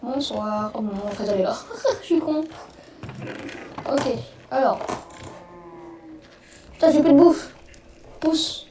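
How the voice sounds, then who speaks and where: A woman hosting a let's play, giving excitable, rambling commentary and swearing when things go wrong. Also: sits high, slow, long pauses. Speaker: gaming video host. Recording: roomy, distant mic, noisy background.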